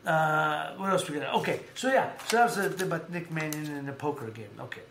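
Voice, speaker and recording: A man with a slightly high voice talks boxing and sports in a loose, rambling way, stacking up fillers and restarts as he goes. His voice rings in an echoey room, with a faint hum of ambience behind him. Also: a little fast. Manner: rambling, animated storytelling with many fillers. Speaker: podcast host. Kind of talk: casual sports chat.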